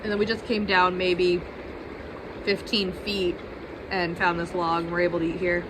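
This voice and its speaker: A woman's voice: fairly low pitch, level tone, moderate pace, noisy background. Woman telling a river mishap story. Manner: vivid, detailed retelling of a mishap. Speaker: vlog co-host, kayaker. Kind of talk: casual storytelling.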